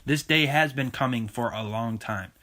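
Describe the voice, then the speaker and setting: A man's voice: medium pitch, normal speed, heavy background noise. A man giving bible commentary on a video blog, reading scripture aloud emphatically and often checking in with "okay?". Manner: keeps asking "okay?" and says "man". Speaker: religious video blogger.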